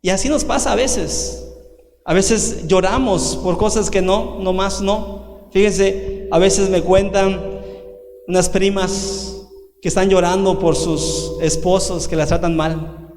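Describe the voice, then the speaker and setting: A man in his thirties preaches to his congregation, asking questions and drawing out key phrases slowly. His voice sits high for a man. It carries through an echoey church hall with a long reverb tail. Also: fairly even intonation, darkish tone. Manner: preaching with sudden slowdowns and rhetorical questions. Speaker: pastor. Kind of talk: sermon.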